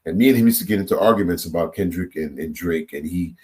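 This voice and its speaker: A man from Trinidad and Tobago hosts a reaction channel, sharing opinions with viewers in a loose, animated monologue. His voice sits low and moves at a quick pace, and he often repeats and restarts words.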